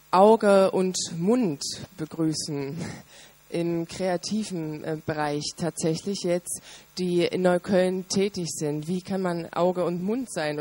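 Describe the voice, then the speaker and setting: A woman's voice: on the low side, darkish tone. A woman moderator introduces speakers to an audience in semi-formal, courteous phrasing, drawing out some of her words. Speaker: event moderator.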